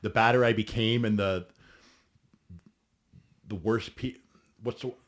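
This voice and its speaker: A bodybuilder in his forties from Ontario, Canada, tells his story bluntly as a guest in a podcast interview. His voice is on the low side, steady and measured, and he swears freely and often restarts his sentences.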